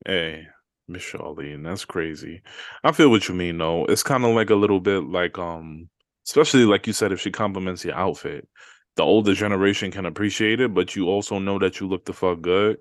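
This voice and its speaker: In a deep voice and at a brisk pace, a podcast co-host keeps things casual and slangy while reading listener comments aloud. The recording is studio quality with no room sound.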